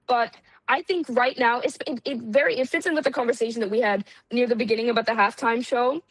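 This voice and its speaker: A woman guesting on a podcast in casual chat, talking in a relaxed, hesitant way with many pauses to find her words. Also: fairly high pitch, no room sound, poor audio.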